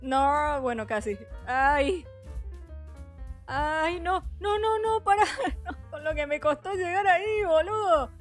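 A young Argentine woman commenting on her gameplay, frantic and swearing, pleading with the game not to let her fall. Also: high-pitched. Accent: Argentine Spanish. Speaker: gaming youtuber. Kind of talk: let's play commentary. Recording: faint music behind.

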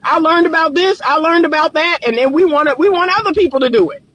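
A woman in her fifties speaks from the driver's seat of a car, recorded on a dashboard phone. Her voice sits high and sounds bright and forceful. She talks like a counselor lecturing her followers, hammering points home by repeating them. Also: fast, no echo, highs cut off. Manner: emphatic, preachy, repeats phrases for stress. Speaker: relationship coach and counselor. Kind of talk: casual talking-head vlog. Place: inside a parked car. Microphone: phone camera on the dashboard.

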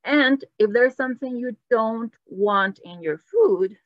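The recording is dry and muffled: a Latin American woman, her voice a little high with lively intonation, speaks slowly while teaching Spanish online. Patient and encouraging, she praises students in both English and Spanish.

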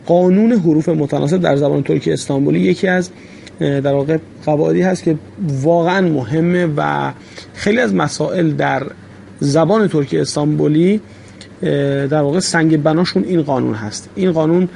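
High-voiced, gravelly man teaching a language. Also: darkish tone, a little hiss or hum. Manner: patient, explains step by step with frequent hesitations. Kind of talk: explanatory language lesson.

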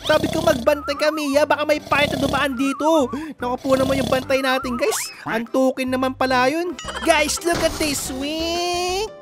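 A high-pitched woman with a Filipino accent narrates her gameplay for her channel in a playful, giggly way, laughing often. Background music plays under her voice throughout. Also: steady tone, moderate pace. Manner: playful, giggly, talks to viewers as "guys". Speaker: gaming channel host. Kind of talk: Roblox gameplay commentary.

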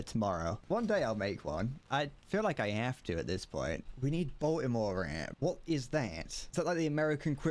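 A man's voice: medium pitch, a little mellow. A young man from the UK who streams games and makes casual, rambling, profane jokes as he plays. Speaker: gaming streamer. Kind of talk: casual commentary while gaming.

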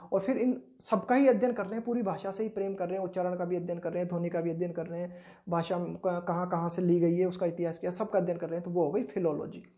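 A woman's voice: lowish voice, mellow. A woman teaching an exam-prep lesson, explaining each point patiently and often checking in with the listener. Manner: patient, repeats points with tag questions; reads English definitions slowly and deliberately.

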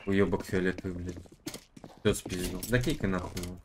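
Low-voiced raging male gamer, gunfire behind. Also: steady tone, fairly quick. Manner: raging gamer, grumbling, swearing constantly. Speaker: game streamer. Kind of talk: live gameplay chat with teammates. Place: indoor streaming room at gaming desk. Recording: loud gunfire and clicking noise. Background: shooter game gunfire, clicks.

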